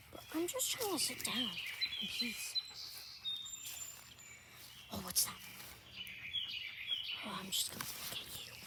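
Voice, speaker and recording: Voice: high voice, heavily acted. A young person voicing pet dogs as whiny, easily annoyed, bickering sisters in a playful amateur voice-over. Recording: noisy outdoor amateur recording with birdsong. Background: birdsong and outdoor noise.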